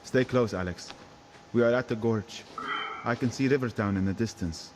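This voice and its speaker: An actor playing a calm male adventurer who speaks in a measured, poetic way. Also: medium pitch, background noise, natural voice.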